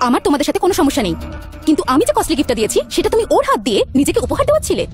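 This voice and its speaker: A woman's voice: sits high, huge pitch swings, rapid-fire, darkish tone, faint music behind. An actress playing a spoiled, jealous young daughter who accuses and taunts her poorer brother in a family drama. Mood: accusing.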